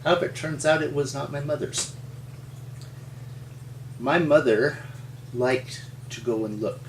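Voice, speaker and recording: Here a resident paleontologist from Montana, speaking in a slightly high voice and a little slowly, rambles through folksy stories with a chuckle during an interview. Slight background noise comes through, and the recording has an echoey room with a distant mic.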